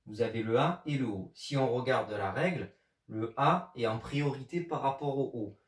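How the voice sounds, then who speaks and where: Man teaching in an echoey room. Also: medium pitch. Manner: patient, spells out letters slowly. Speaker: Chinese language teacher. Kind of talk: explanatory video lesson. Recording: echoey room, mic at a distance.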